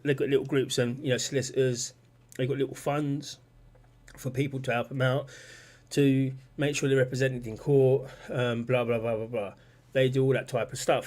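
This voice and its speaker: Hosting a laid-back political livestream, this man talks in a darkish, mid-range voice. He wanders and repeats himself as he reads comments from the chat.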